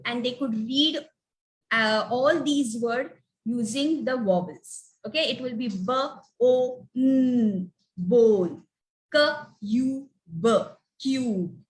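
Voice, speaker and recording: A woman leads a phonics webinar in a high, light voice. She moves slowly and deliberately, naming each letter before sounding out the word. Her tone stays patient, and she checks in with a steady "okay" between points. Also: slight background noise. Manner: spells out letters one by one, sounding out words. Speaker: phonics teacher leading a webinar. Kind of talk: slow instructional webinar talk.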